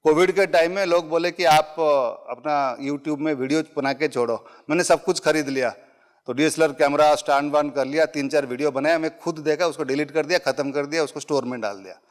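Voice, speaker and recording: Higher-voiced man teaching a workshop. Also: a little fast. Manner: conversational, mixes English phrases into Hindi; illustrates points with everyday examples. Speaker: public speaking trainer. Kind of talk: workshop lecture to a live audience.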